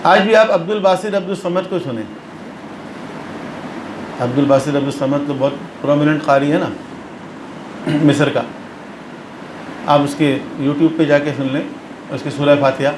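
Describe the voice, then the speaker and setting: A man's voice: on the high side, pauses often, background noise. Man teaching a religious lesson, echoey room. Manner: explanatory, mixes English terms into speech; repeats phrases for emphasis. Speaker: religious lecturer.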